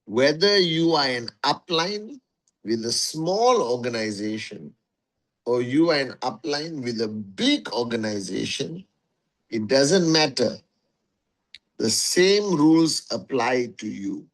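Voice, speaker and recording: A man's voice: mid-range voice, animated, takes it slowly. A man hosting a casual livestream for his network marketing followers, greeting viewers one by one as warriors and repeating phrases for emphasis, on a phone mic.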